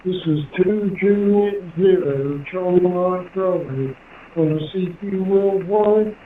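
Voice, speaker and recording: A ham radio operator from Jersey in the Channel Islands chats and gives call signs with phonetic spelling over a two-way radio contact. His voice sits high and he speaks slowly, sounding tinny through a handheld radio and repeater, with faint hiss, an echoey room and a distant mic.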